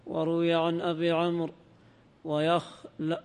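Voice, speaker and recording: A man reading a classical commentary aloud in a lesson, in a measured, even recitation. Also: fairly high pitch, clear, resonant tone, in a large hall. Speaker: reader of the text in a lesson.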